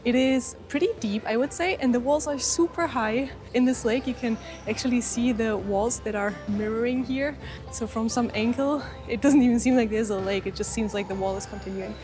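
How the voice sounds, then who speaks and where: A young woman with a high voice talks to her camera on a mountain trail, eager and a bit winded. Her English has a lilt, and soft music plays faintly underneath. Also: normal speed. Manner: enthusiastic, chatty, a little out of breath while hiking. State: out of breath. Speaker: travel vlogger. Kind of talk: outdoor travel vlog talking to camera. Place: outdoors on a mountain hike.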